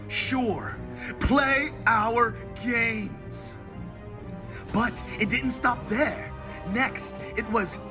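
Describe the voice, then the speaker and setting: A man's voice: high voice, full character voice. A man giving a hammy, theatrical dramatic reading as an angry, aggrieved male board game hobbyist ranting online. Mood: indignant, scornful. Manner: reads punctuation marks aloud. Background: music.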